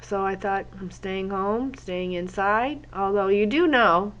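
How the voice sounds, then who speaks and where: A woman's voice: medium pitch, takes it slowly, fairly bright tone, dull audio. A woman with a congested cold voice, chatting casually and rambling as a fitness teacher while she draws in her journal. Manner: rambling, chatty, wanders off topic. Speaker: fitness instructor and journaling vlogger. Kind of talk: casual chat while drawing.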